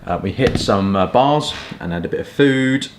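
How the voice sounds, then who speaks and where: A man's voice: medium pitch, lively intonation, normal speed. A man in his twenties with a southern English accent, chatting casually and rambling through hedging asides as a review vlogger. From southeast England. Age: 20s. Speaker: pipe and cigar review vlogger. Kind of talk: casual chat. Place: small furnished room at home, indoors. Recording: roomy echo, some background noise.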